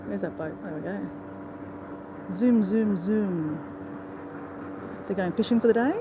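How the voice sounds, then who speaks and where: A woman's voice: mid-range voice, unhurried, noisy background. An Australian woman chatting casually to her viewers on a live walk, calling them guys again and again. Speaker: travel vlogger. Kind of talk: casual live-stream chat. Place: outdoors in a park by a river.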